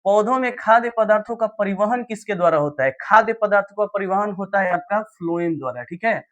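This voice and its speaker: A young man teaching an exam revision lesson, quickly reading each question, answering it himself and checking in with "okay" after nearly every point. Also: high-pitched, expressive, a bit bright, highs cut off. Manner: rapid question-and-answer drilling with frequent "ठीक है".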